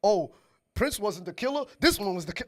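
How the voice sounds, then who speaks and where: High voiced guy from new york, podcast cohost, argues a lot, laughs a bunch. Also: a little fast, a little hiss or hum. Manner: animated, argumentative, laughs often. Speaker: podcast co-host. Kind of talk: casual chat.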